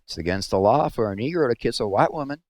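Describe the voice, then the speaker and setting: A man voicing a drunk small-town sheriff in a storybook, with a slow, taunting drawl. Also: mid-range voice, lively intonation, darkish tone, no room sound, studio quality, lightly acted. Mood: smug, menacing.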